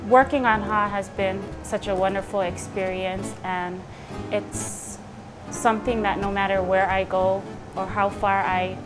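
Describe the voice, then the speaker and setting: A young woman from Fiji, a student lighting technician, speaks in a soft, filler-laden documentary interview. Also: medium pitch, steady tone, unhurried. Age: young adult. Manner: soft-spoken with frequent "um" fillers. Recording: music bed under the voice.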